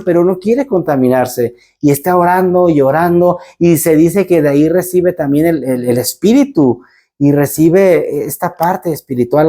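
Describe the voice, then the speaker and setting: A man's voice: a little high, dark tone. A man teaching a Bible portion, telling the story with animation and acting out what the people in it said.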